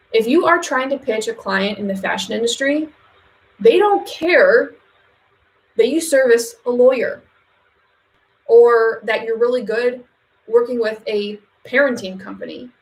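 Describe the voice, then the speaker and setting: A woman talks business advice to camera in a casual, direct way, with repeated words for emphasis. Her voice sits a little high, and the room around her echoes noticeably. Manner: chatty and direct, with fillers and emphatic repetitions. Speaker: social media agency owner giving business advice.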